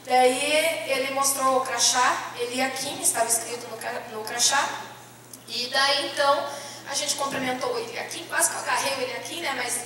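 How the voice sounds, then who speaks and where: A Brazilian woman testifies before a church congregation, her high, bright, forceful voice carrying an emotional story. She takes on the voices of the people in her story as she tells it. Her voice rings through a long, echoey church hall, picked up by a microphone well away from her. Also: steady tone, moderate pace, recorded from a distance. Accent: Brazilian Portuguese. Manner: emotional storytelling, acting out dialogue. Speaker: church member giving testimony.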